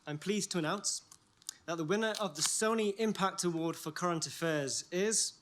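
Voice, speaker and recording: A man giving a scripted, measured speech to present an award on stage. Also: sits high, a bit bright. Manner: measured, formal delivery. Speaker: sponsor presenter.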